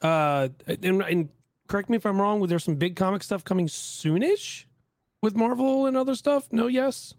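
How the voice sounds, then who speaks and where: A man from Texas hosts a casual podcast, animated and quick to laugh as he acts out other people's lines. His voice sits a bit high for a man. The recording is close and dry, with almost no room sound. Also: dry recording. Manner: animated, laughing storyteller who acts out quotes. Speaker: podcast host. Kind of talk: casual chat.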